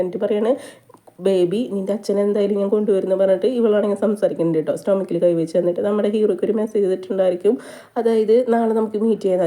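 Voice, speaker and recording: A woman, casually retelling a drama plot in rapid chatty storytelling. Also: medium pitch, dark tone. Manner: rapid chatty retelling, frequent tag "ട്ടോ". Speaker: movie recap narrator.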